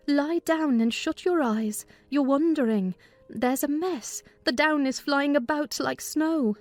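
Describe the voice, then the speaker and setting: A woman plays a sensible housekeeper in a dramatized first-person narration of a classic novel, over soft music. Her fairly high voice, close to an everyday one, stays measured in narration and turns firm and scolding in dialogue.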